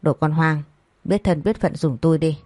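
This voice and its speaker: A woman's voice: deep voice, fairly even intonation, moderate pace, mellow, dry recording. A woman voicing a spoiled, defiant young woman who sneers at her family, in a storybook reading.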